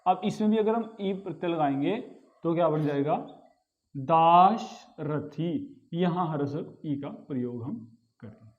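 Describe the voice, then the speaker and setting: The recording has its highs cut off, carrying a slightly high male voice at normal speed. He's giving a grammar lesson, explaining things patiently, going over key words again and putting rhetorical questions to his students.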